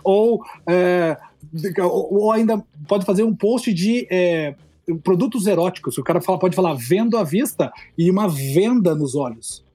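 A man's voice: sits high, measured pace, warm tone, dry recording. A man with a Brazilian accent, a Portuguese teacher, chatting and explaining language points with playful examples. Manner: explanatory, playful, many fillers. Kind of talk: casual podcast chat.

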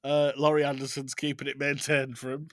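A man co-hosting a casual podcast, quick with silly joking asides. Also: medium pitch, little pitch movement, no echo, studio quality. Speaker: podcast co-host. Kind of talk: casual chat.

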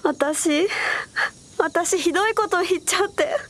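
A woman playing an earnest high school girl with casual, youthful, expressive speech in a comedy audio drama. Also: measured pace. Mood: upset, confessing.

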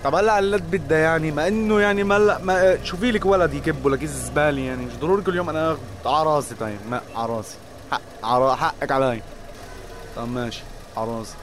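Fast-talking Levantine henpecked cabbie played by a man. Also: a little high, close to an everyday voice. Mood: exasperated. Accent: Levantine Arabic. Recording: music and engine noise behind.

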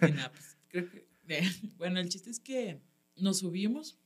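Speaking slowly in a voice on the low side, a Mexican-accented woman stand-up comedian tells stories in an informal conversation. She's expressive and quick to laugh, and her speech is packed with slang.

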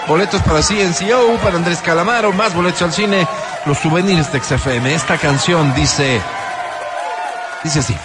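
A man hosting a radio talk show, teasing callers and loudly announcing prizes in joking banter. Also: on the high side, normal speed, over a noisy crowd, very noisy. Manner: playful, teasing, loud announcing.

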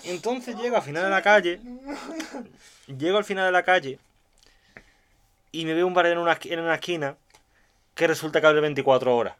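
A man from tells a rambling funny anecdote in a relaxed chat. He acts out every line of dialogue in his story and often breaks into laughter. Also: a little high, a little fast, long pauses. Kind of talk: casual comic storytelling.

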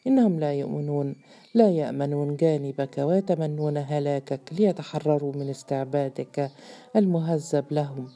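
A woman's voice: sits low, warm tone. A woman reading the lines of a cold, domineering man who mocks and commands in a curt, hard tone.

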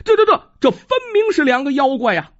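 A storyteller voicing a scornful, scheming village scholar with a sneering manner. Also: male voice, extremely high pitch, sing-song, moderate pace, a bit bright, voice pushed up, heavily acted. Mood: indignant. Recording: dull dry lo-fi recording.

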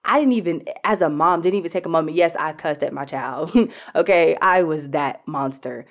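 Lower-voiced woman host, candid and chatty, confessional podcast delivery. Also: normal speed. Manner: casual and frank, many fillers like "like" and "y'all".

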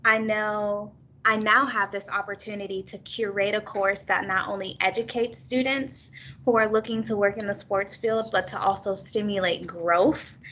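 Give me a bright-sounding young woman, upbeat and expressive, chatting as a guest over a faint background hum. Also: medium pitch, moderate pace, low-quality recording. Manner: upbeat and expressive, laughs often. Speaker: guest, university staff member and new lecturer. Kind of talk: conversational interview.

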